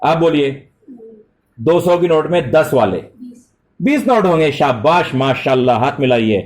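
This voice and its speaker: A man's voice: on the high side, expressive, measured pace, darkish tone. Give me a middle-aged man teaching a children's math class, patient and polite, in a lightly raised voice. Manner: addresses students with polite forms and praise.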